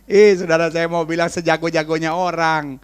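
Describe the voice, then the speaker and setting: A man's voice: a little high, flat delivery, a little fast, smooth. A male pastor preaching a humorous, storytelling sermon to a church congregation, tossing in English phrases and calling out to the crowd.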